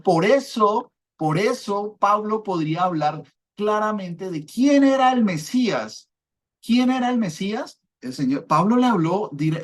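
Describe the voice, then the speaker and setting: Male preacher, fervent sermon delivery, keeps asking the congregation if they follow. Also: high-pitched. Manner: fervent, rhetorical check-ins with listeners.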